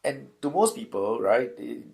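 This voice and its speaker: A middle-aged man with a Singaporean accent speaks in an interview, his voice gravelly. He thinks aloud, restarting phrases and tagging points with "right?". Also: mid-range voice, lively intonation, normal speed, a little mellow. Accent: Singaporean English. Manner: thoughtful, many restarts and rhetorical "right?". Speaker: university lecturer, interviewee. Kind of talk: reflective interview answer.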